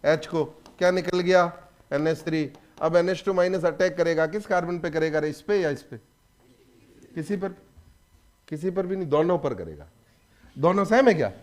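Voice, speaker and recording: Male chemistry teacher, high voice, brisk and quizzing. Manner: lively, prods students with quick questions. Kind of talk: classroom lecture.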